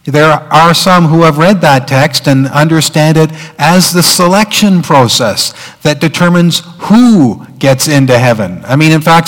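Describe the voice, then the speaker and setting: A man preaching to his congregation in a church, his somewhat high voice carried by a long hall reverb. He talks in a loose, conversational way, full of fillers and self-corrections. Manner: conversational, with filler words and restarts. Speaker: pastor. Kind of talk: sermon.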